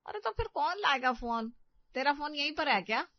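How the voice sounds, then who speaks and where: A woman's voice: high voice, lively intonation, moderate pace, no echo, voice pushed up. A woman voicing a lazy, fretful middle-aged mother-in-law in a cartoon story, complaining and ordering others about. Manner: complaining, bossy. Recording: dull dry recording.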